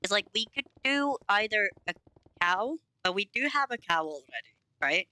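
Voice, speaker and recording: Building in a game, a young woman from Finland rambles to her live chat in English with a light accent, giggling and poking fun at herself. Her mid-range voice is sing-song, bright and forceful at a moderate pace. The low-quality recording has no echo.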